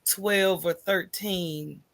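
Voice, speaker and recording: Her voice sits on the low side, with stretched-out words and vocal fry. She's an American woman appearing as a podcast guest, telling stories candidly and animatedly, acting out dialogue she remembers and often asking her listener "right?"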